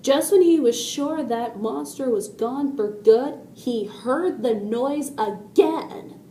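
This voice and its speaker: Slow high-voiced woman reading a story. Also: mellow, recorded from a distance. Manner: slow and deliberate, with spoken sound effects. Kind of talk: reading a children's story aloud. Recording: echoey room with faint noise.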